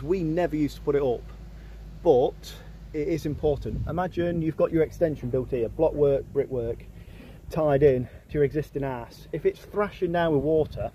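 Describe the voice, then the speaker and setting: A young bricklayer with a slightly raised voice talks plainly through his work, step by step, in a casual site vlog. He is recorded outdoors, and clear site noise and passing cars sit behind him. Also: fairly high pitch, warm tone. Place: outdoor building site beside a house.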